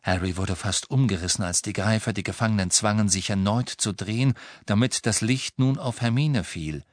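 A man narrating an audiobook in a measured, expressive storytelling manner. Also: lowish voice, no echo, clean studio sound.

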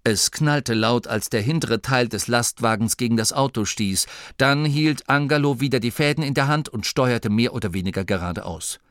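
A man narrating a story in an expressive, steady reading. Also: mid-range voice, moderate pace, few pauses, no room sound, studio quality. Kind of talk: audiobook narration.

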